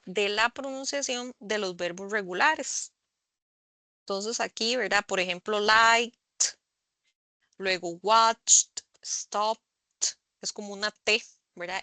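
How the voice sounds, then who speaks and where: A woman tutoring English over a video call, explaining slowly and patiently, often checking in with the students. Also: mid-range voice, pushed and bright, no echo. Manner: slow, patient explaining with frequent "¿verdad?". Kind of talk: online tutoring session. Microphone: computer mic on a video call.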